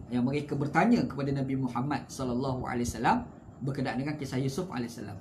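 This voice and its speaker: Fast-talking Malaysian man teaching scripture. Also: a little hiss or hum. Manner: conversational, with rhetorical tag questions; animated swings in pitch and loudness. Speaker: religious teacher. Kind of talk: Quran commentary lecture.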